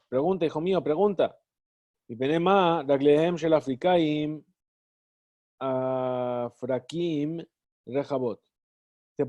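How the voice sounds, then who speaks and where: A man teaching a class, reading phrases of a text slowly and translating each one. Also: mid-range voice, dark tone. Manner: reads Hebrew phrases slowly, then translates. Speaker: Talmud teacher. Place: study hall. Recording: dull lo-fi recording.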